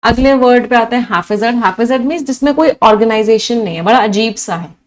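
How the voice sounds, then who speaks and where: Quick and fairly high-pitched, this woman teaches English vocabulary live online in a blend of Hindi and English. A lively teacher, she lists many synonyms in a row and asks her students questions.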